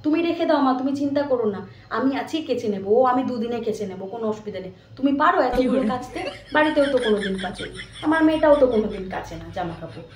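A woman playing a kind, fussy mother-in-law who coaxes her new daughter-in-law along in a comedy sketch, talking fast. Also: a little high, expressive, natural voice. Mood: coaxing. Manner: fussy, coaxing, talks fast. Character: doting kind mother-in-law, middle-aged, fussing over her son's wife. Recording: echoey room with faint noise.

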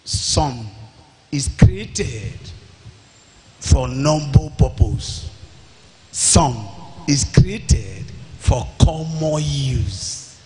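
A man's voice: mid-range voice, animated, drawn-out words, pauses often, dark tone. A man with a Nigerian accent preaching an emphatic sermon in short, repeated phrases on a handheld microphone in a large church hall. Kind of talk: impassioned sermon in Pidgin-inflected English. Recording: noisy large-hall PA recording.

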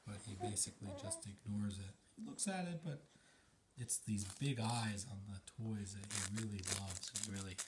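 Man narrating a noisy home video. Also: lowish voice. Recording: noisy phone video with clicks.

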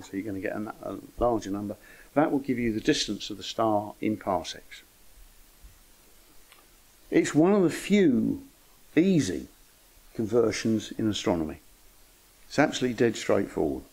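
A man's voice: mid-range voice, a little mellow, rough recording. An older man giving an informal lecture to an astronomy club, with dry, wry humour and chatty asides. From England.

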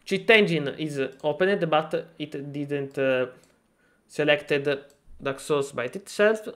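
Hesitant and self-deprecating, an Italian man walks through a game in a casual screen-recorded tutorial, using English with an Italian accent. His speech keeps stalling, with plenty of fillers and restarts. He takes it slowly, and his voice is a little high and fairly bright.

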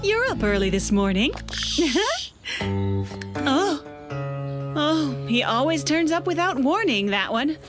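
A woman voicing a patient cartoon mother who sounds gently amused and chiding. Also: high-pitched, very animated, slow pace, long pauses, exaggerated voice. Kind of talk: cartoon voice acting. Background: music.

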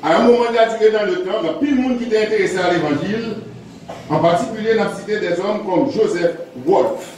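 A man preaching a sermon. He reads Bible verses aloud, then explains them in halting, repetitive phrases. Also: sits high, darkish tone. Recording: very echoey, distant mic, faint background hum.

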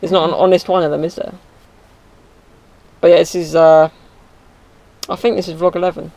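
A man's voice: fairly high pitch, little pitch movement, normal speed, creaky, mellow, no room sound. A young man chatting offhand to his camera while sitting in a car at night, rambling and joking. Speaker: vlogger. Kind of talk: casual vlog chat. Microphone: handheld action camera at chest level.

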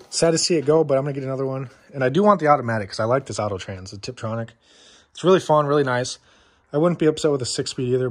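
A young man talks in a loose, filler-heavy ramble, winded after lifting. His voice is husky and sits at a middle pitch. He records himself outdoors in the cold on a phone. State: out of breath. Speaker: car vlogger. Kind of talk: casual story-time vlog.

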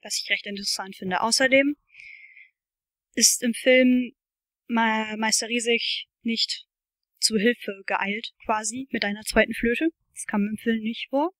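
A woman's voice: fairly high pitch, steady tone, unhurried, a bit bright, no echo. A woman reading a novel aloud for her channel, with casual, chatty commentary and fillers.

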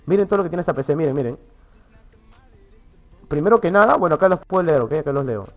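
A fast-talking man with a Peruvian Spanish accent livestreams from an internet café booth, chatting casually with his audience as faint music plays behind him. Excitable and quick to swear, he alternates between shouting and muttering under his breath.

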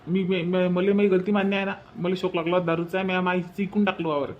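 A man's voice: high voice, level tone, fast talker, slight background noise, close to an everyday voice. A man voicing a henpecked village brother in a cartoon, with a Varhadi Marathi accent and a pleading, exasperated way of talking. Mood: resigned. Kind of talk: cartoon voice acting. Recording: dull lo-fi recording.

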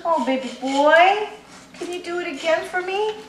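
A woman's voice: extremely high pitch, animated, moderate pace, a bit bright. A mother coaxing her toddler in a sing-song, encouraging way, recorded at home on a camcorder's built-in microphone. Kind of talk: home video, coaxing a toddler through letters. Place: indoors at home. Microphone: built-in camera microphone. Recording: echoey room with faint hiss.

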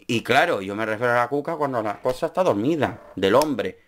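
A young man from Spain giving casual comedic commentary on a reality show, laughing often and slipping into high mimicking voices. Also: expressive, brisk, fairly bright tone.

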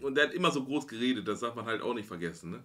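A man's voice: mid-range voice, lively intonation, rapid-fire, crowd noise. A man in his thirties hosting a reaction channel, commenting casually in exclamatory slang from a small room.

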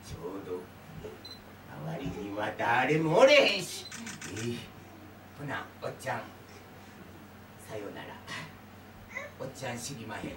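A woman's voice: very deep voice, expressive, a little slow, long pauses, background noise, pitched below the performer's own voice. A woman voicing a sly, easygoing middle-aged man who drawls and chuckles in a Kansai accent, in a live puppet story with music. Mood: sly, muttering. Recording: roomy live hall, mic far off, instrument music.

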